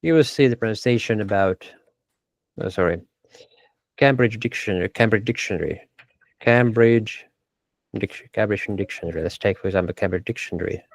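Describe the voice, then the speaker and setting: Low-voiced man teaching pronunciation. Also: normal speed, pauses often, no room sound. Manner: hesitant, repeats words to model pronunciation. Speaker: English teacher. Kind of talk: online language lesson.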